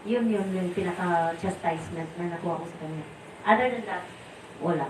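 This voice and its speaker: A woman's voice: lowish voice, brisk. A middle-aged woman with a Filipino accent, a disciple sharing rambling memories at a temple gathering, often searching for words. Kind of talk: informal remembrance talk, Taglish. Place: temple hall. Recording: roomy, distant mic, faint noise.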